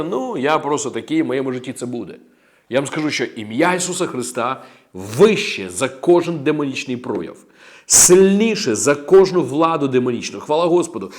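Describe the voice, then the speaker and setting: A man preaching a sermon as a pastor, emphatic and declaring, breaking in with amens and praises. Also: a little high.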